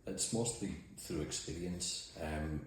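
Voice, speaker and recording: Very deep-voiced Shetland man in an echoey room. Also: slow. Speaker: mussel farmer and boat skipper. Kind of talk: interview answers. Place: indoors in an office. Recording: very echoey room, faint noise.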